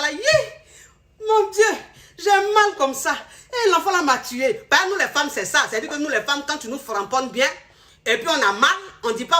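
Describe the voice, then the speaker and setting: Lively woman doing a live sales pitch into her phone, high bright voice, talks right to viewers. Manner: animated, mimics voices, addresses viewers directly. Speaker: seller of remedies and coach. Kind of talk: casual live sales talk.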